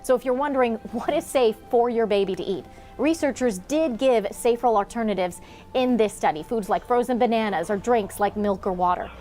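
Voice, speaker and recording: A TV news reporter, a woman with a fairly high voice, delivers her story in a clear, measured way. Faint music sits under her. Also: a little mellow.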